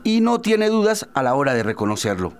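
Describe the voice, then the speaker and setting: A man's voice: medium pitch, sing-song, a little fast, clear, resonant tone. A man narrating a news report and putting questions to an interviewee. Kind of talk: scripted news voice-over and interview.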